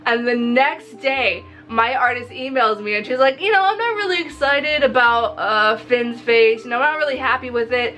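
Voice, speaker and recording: Recording to camera over background music, a vlogger who develops visual novels talks through her casual video diary in a bright, high voice. She keeps a moderate pace with few pauses, staying animated and expressive, poking fun at herself and swearing casually.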